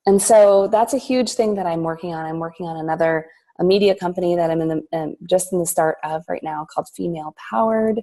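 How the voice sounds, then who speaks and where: A Philippines-born woman chatting as a podcast guest, upbeat and enthusiastic, with loose pauses and fillers. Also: on the low side, mellow. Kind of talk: casual podcast interview.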